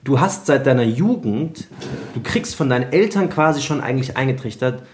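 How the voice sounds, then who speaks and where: Brief: male co-host, mid-pitched, earnest and reflective, conversational questions. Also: lively intonation, moderate pace, a little mellow.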